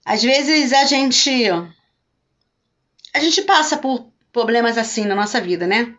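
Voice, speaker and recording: Uma pastora falando numa live devocional, conversando à vontade e cumprimentando os espectadores pelo nome. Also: female voice, on the high side, slow, fairly bright tone, muffled recording. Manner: talks chattily and greets viewers by name. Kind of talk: live-streamed devotional talk.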